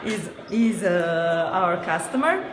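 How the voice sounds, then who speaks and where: A woman's voice: fairly low pitch, animated, slow. A woman from Serbia with a Serbian accent, answering interview questions hesitantly with many fillers and small laughs. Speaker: guest, company co-founder. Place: noisy event venue. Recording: echoey busy venue with crowd.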